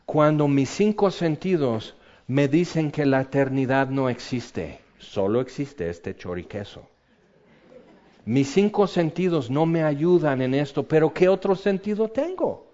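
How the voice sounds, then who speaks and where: A middle-aged man preaching a sermon, animated and humorous, swinging between loud and quiet. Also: on the high side, unhurried. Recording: slightly dull lo-fi sound.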